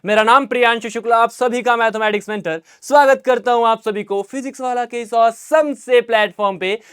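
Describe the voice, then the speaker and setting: Young Indian male maths tutor, high and crisp, energetic and chatty, online revision lesson. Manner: energetic, chatty, repeats key questions and answers them himself. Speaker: maths teacher.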